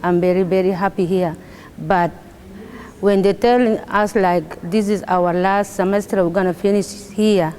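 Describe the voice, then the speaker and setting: A woman from South Sudan with a South Sudanese accent, an adult education student who speaks English as a second language, talking haltingly about her classes and repeating words as she searches for them. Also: mid-range voice, fairly even intonation, darkish tone, a little hiss or hum. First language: not English. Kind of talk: interview testimony.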